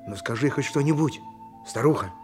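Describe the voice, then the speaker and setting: Soft background music accompanies a fairly quick, mid-range male voice, a little mellow and only lightly acted. He plays a poor ancient Greek donkey driver, plaintive, simple and resigned, telling and performing his own story. The audio drama blends dialogue with first-person narration in a sorrowful mood.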